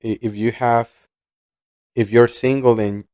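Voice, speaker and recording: A man's voice: mid-range voice, level tone, measured pace, warm tone, no echo, highs cut off. A man, co-hosting a casual chat, reflective and hesitant, often repeating words. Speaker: podcast co-host.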